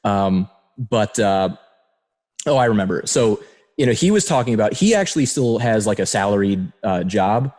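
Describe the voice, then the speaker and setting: A man's voice: fairly low pitch, animated, normal speed, darkish tone. A man hosting a podcast, chatting casually with many fillers and easy laughter. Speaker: podcast host.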